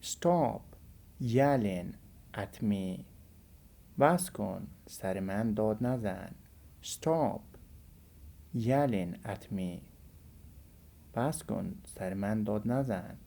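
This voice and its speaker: A man with a Persian accent teaching English, slowly repeating each English phrase and then translating it. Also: lowish voice, animated, gravelly, warm tone. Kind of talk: language lesson.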